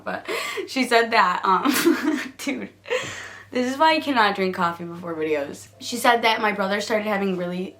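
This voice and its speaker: Giggly young woman vlogger, bright voice. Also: mid-range voice. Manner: giggly, rambling with lots of "like". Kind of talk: casual story time.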